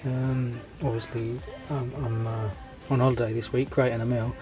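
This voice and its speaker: In a level, medium-pitched voice at normal speed, a scale model channel host gives a casual update over music. A cold has congested him and is stealing his voice, and he hesitates with plenty of ums and restarts.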